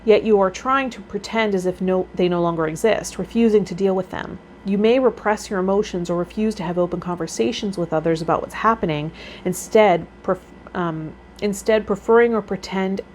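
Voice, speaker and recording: Brisk and darkish in tone, with a mid-range pitch, a woman hosts a tarot vlog series as a healer. She reads the card meanings and tosses in her own casual thoughts, and the recording has noticeable background noise.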